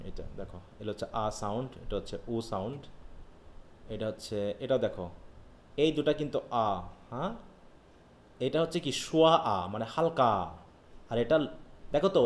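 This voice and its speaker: A man's voice: mid-range voice, animated, normal speed, pauses often, darkish tone, a little hiss or hum. Male teacher, live online lesson, patient and explanatory, roomy echo on the voice. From Bangladesh. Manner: explains patiently, often checks if students follow. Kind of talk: live online phonetics class. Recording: echoey room.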